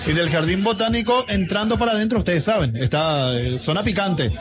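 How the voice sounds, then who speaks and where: A man comments on football live on the radio, taking his time to explain. His voice sits high for a man. A music bed plays clearly behind him. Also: animated. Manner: measured, explanatory, with fillers.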